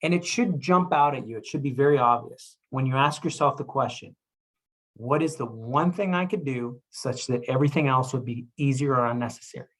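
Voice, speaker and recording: A man, a chiropractor, giving a motivational health talk with energetic, repetitive urging. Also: mid-range voice, brisk.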